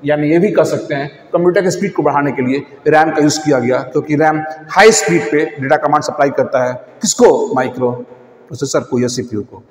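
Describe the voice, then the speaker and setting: A man's voice: on the high side, a little fast, echoey room, big-room sound. A man teaching computer basics in a lecture style, posing rhetorical questions and repeating key points.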